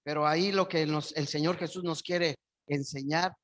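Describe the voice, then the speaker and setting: A man's voice: on the high side, steady tone, normal speed, a bit bright. A male pastor preaching a sermon in church, his voice surging up with emphasis on key phrases.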